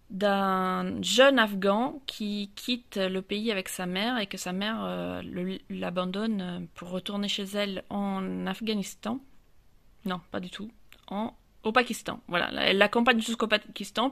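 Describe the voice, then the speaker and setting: A woman's voice: medium pitch, vocal fry, fairly bright tone. A woman chatting casually about her books in a vlog, hesitant, with many fillers and restarts. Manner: talks with her hands. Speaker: book vlogger. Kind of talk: casual chat. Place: outdoor terrace.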